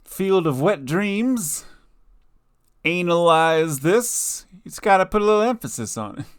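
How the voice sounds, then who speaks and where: A man casually commentating a game he plays, joking and trading in slow, deliberate punchlines. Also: high voice, very animated, dry recording, studio quality. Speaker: gaming video host. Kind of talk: casual let's-play commentary.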